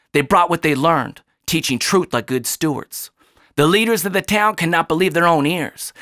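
A man's voice: on the high side, no echo. A man in his thirties performing a rhymed spoken word poem into a studio microphone, with rhythmic, emphatic delivery. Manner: rhythmic, expressive rise and fall, emphatic line endings. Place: small bright home studio, indoors. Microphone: studio condenser mic on stand.

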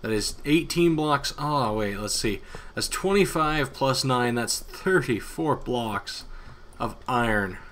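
A man giving casual, excitable commentary over his own gameplay, yawning and talking to himself. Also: mid-range voice, slow, slight background noise. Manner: chatty and excitable, talks to himself, hums along. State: sleepy, yawning. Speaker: gaming YouTuber.

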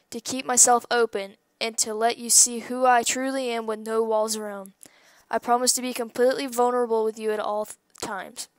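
A woman's voice: fairly high pitch, dry recording. A woman earnestly reading written vows aloud one sentence at a time, as if rehearsing wedding vows.

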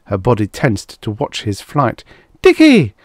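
A low-pitched male audiobook narrator reads literary science fiction with measured, expressive delivery and deliberate phrasing. The recording is dry and studio quality.

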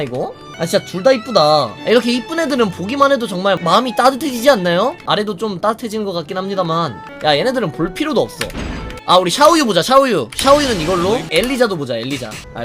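A man streaming a fighting game, bantering crudely with lots of swearing, teasing and mock outrage, and answering viewer comments out loud. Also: high voice. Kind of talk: casual gaming stream commentary.

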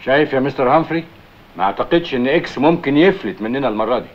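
A man's voice: mid-range voice, lively intonation, very fast, lightly acted. A man playing a commanding surveillance chief with an Egyptian accent in an old film. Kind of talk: 1970s Egyptian film acting. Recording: dull old film soundtrack.

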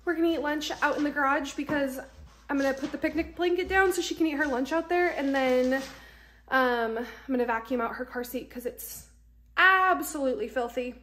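A woman's voice: high voice, fairly quick, a bit bright, slight background noise. A young pregnant woman chatting casually to her phone camera at home, tired, with lots of fillers. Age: young adult. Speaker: vlogger, stay-at-home mom. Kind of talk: casual vlog chat. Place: large bright home kitchen and living room, indoors. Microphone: phone held at arm's length.

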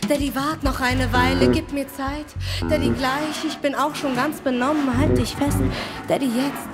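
A woman's voice: high-pitched, fairly even intonation, moderate pace. A woman from Iran performing spoken word poetry, with rhythmic, repeated rhetorical questions. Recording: loud music behind the voice.

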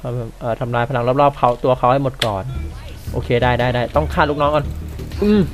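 A man's voice: medium pitch, steady tone, brisk, music in the background. A man commenting live as he plays a video game, exclaiming and swearing at what happens on screen. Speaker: gamer. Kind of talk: let's play commentary.

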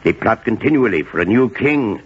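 A man's voice: lowish voice, lively intonation, brisk, slightly rough. An actor playing a paranoid, cruel, scheming king in a theatrical, confiding manner of 1940s radio drama. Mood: conspiratorial. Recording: muffled 1940s radio broadcast recording.

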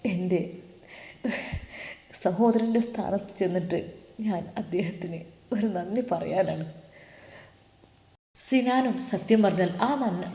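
A woman voicing a young husband who speaks in a calm, soothing, reassuring way. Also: on the low side, lightly acted. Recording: echoey reverberant room.

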